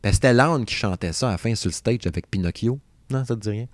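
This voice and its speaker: A man's voice: lowish voice, fast, no room sound, clean studio sound. A man in his thirties from Saguenay with a Québécois French accent, co-hosting a casual chat show and joking about old songs. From Saguenay, Quebec. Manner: animated, joking, hums song snippets. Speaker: podcast co-host.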